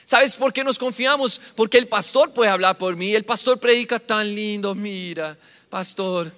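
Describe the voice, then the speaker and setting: High-voiced pastor preaching in a hall. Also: male voice, unhurried. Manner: preaching with big swings from shouts to near-whispers. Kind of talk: sermon. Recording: long hall reverb.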